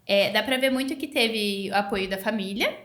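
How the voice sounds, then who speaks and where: A woman's voice: mid-range voice, moderate pace, a bit bright, echoey room. A woman hosting a podcast, summing up and asking her guest questions. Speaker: podcast host. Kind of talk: interview questions.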